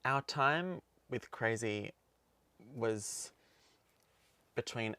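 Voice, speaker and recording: A man's voice: mid-range voice, lively intonation, extremely slow, bright, forceful tone, clear, resonant tone, no echo. A young man co-hosting a podcast, chatting casually and rambling, laughing often. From Australia. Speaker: podcast co-host. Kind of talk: casual chat.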